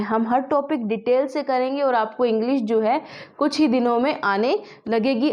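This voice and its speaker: A woman's voice: a little high, a little mellow. A woman teaching a spoken English lesson, asking the class questions and answering them herself.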